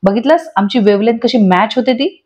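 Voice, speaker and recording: A woman's voice: on the high side, animated, fairly quick, a little mellow, close to an everyday voice. A woman doing a jovial teasing uncle. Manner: playful, bantering. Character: middle-aged man, jovial teasing father-in-law. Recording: slightly dull lo-fi audio.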